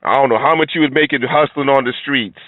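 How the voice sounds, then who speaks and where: A man's voice: medium pitch, fast, no echo. Middle-aged guy ranting blunt and preachy, thin phone-like sound, dry. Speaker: commentary video host. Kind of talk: reaction commentary.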